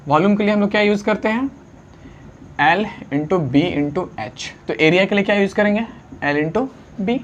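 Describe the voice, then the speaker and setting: A man teaching a science lesson, constantly asking the class questions and answering them himself, urging students to write fast and mixing English unit names into his talk. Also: high-pitched, lo-fi sound, a little hiss or hum. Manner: urges students to write quickly, calls them friend.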